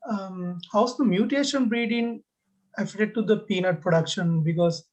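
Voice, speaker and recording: A man's voice: high voice, moderate pace, a little mellow, low-quality recording. A man from Sri Lanka asking a question at a seminar, hesitant and searching for words. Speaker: audience questioner.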